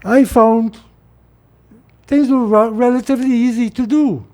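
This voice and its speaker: The voice is extremely high-pitched yet warm, with fairly even intonation and a measured pace. It belongs to a middle-aged Trinidadian political speaker who rambles through an informal monologue in his Trinidadian accent, repeating words as he restarts.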